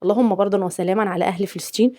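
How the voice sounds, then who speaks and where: Young woman, egyptian accent, home cooking vlog voice-over, playful and teasing, very fast talker. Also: medium pitch, steady tone, mellow. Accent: Egyptian Arabic. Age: young adult. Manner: playful, teasing, repeats words for emphasis. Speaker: cooking vlogger.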